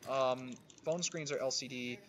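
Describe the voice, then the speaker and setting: A man's voice: mid-range voice, fairly even intonation, a little slow, a bit bright, a little hiss or hum. A man hosting a gaming livestream, chatting casually and rambling with many restarts and fillers while friends sit nearby. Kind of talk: casual chat while playing.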